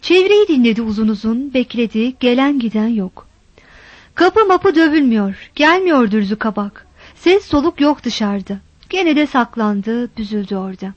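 A woman reading a novel aloud in measured, steady audiobook narration. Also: fairly high pitch, no room sound, highs cut off.

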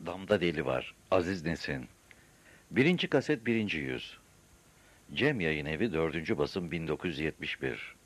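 A man narrating an audiobook in a recording studio, lively storytelling. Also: extremely low pitch, normal speed. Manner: lively storytelling, voices the characters. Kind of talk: scripted narration.

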